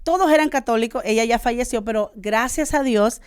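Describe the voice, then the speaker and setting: A woman's voice: fairly high pitch, brisk, a little mellow, clear, resonant tone, dry recording, studio quality. Honduran woman giving a heartfelt testimony. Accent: Honduran Spanish. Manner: earnest, searching for words with many "este" fillers. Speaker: guest. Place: studio.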